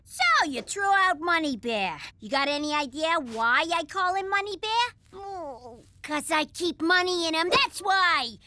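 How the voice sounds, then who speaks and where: Streetwise young mob daughter for adult cartoon, high and animated, cocky menace, slangy delivery. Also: female voice, normal speed, a little hiss or hum. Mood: angry bullying. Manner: tough, slangy, threatening.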